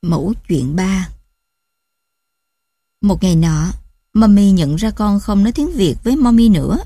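A woman's voice: mid-range voice, animated, measured pace, slightly rough, no room sound, studio quality. A woman, tenderly telling stories as a mother. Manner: tender, gently affectionate storytelling. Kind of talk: storytelling narration.

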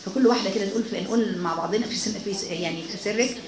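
A woman's voice: medium pitch, rapid-fire, crowd noise. A woman with an Egyptian Arabic accent teaching a religious lesson to a circle of women, speaking emphatically and exhorting them. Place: hall with a seated group of women. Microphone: microphone. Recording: roomy, noisy room sound.

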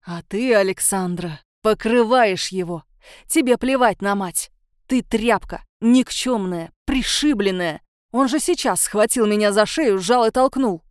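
A woman reading an audiobook voicing an elderly grandmother who shouts theatrical accusations. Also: medium pitch, measured pace, clear, resonant tone, no room sound, studio quality, lightly acted. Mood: furious.

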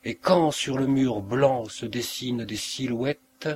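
A man reading a literary short story aloud with a measured, expressive narration. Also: mid-range voice, slight background noise. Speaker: audiobook reader.

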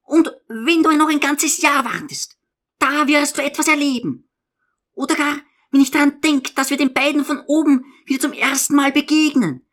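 A man voicing a stern, unrelenting young woman, the elder daughter, in an audiobook reading; sharp, cold and insistent. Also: very high-pitched, moderate pace, voice pushed up. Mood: urgent pleading.

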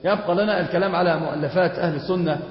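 A high-pitched, fast-talking man, an Islamic teacher, gives a classroom lecture on creed, putting questions to his students and answering them himself. He speaks in an echoey hall, and the recording has a dull, lo-fi sound.

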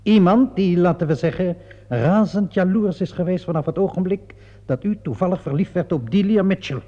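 In an old radio play, an actor with a high-pitched, warm male voice portrays a relentless inspector cornering a suspect. His questioning is methodical and pressing, insinuating, theatrically deliberate and mock-polite. The recording comes across dull and muffled.

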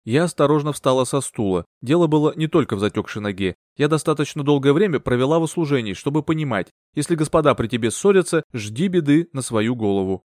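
A man narrating a first-person mystery audiobook in a measured, wry storytelling manner. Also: medium pitch, expressive, darkish tone, no room sound, clean studio sound. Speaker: audiobook reader.

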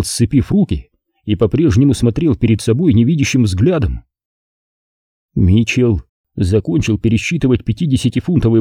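A man narrating a crime novel as an audiobook in a measured, expressive reading, close to the mic. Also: mid-range voice, breathy edge, no room sound.

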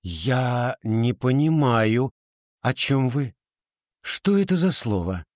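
A man's voice: mid-range voice, very animated, slow pace, dry recording, clean studio sound. A man reading aloud, voicing a guarded, evasive older woman who owns a perfume shop in a storybook.

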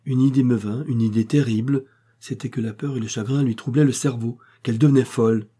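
A man reading a classic novel aloud as a dramatic first-person narration, measured but with passionate outbursts. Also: medium pitch, fairly even intonation, warm tone, husky. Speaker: audiobook reader.

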